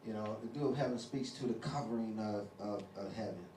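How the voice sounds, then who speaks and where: A man's voice: lowish voice, brisk, warm tone. A man teaching a casual Bible study, rambling and padding his talk with fillers. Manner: rambling, full of "you know" fillers. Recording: roomy, distant, faint hiss.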